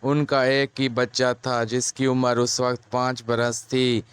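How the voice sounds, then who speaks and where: A man, narrating a moral story in a measured, earnest way. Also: medium pitch, little pitch movement, smooth, dry recording.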